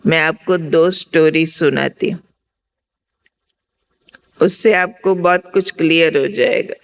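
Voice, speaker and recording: A woman spiritual teacher giving a class, explaining deliberately and telling a parable, checking in with her listeners. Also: deep voice. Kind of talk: spiritual discourse with storytelling.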